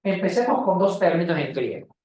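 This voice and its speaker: A woman teaching a Bible class, lively, calling on students by name and joking as she explains. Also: lowish voice, brisk, recorded from a distance. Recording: echoey classroom.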